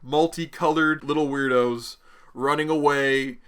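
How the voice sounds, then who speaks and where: A man with a bright, forward voice narrates a tabletop game as its host. He talks casually and rambles, restating phrases as he improvises the story. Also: a little high, fairly even intonation, measured pace, clean tone. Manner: rambling, repeats and revises phrases.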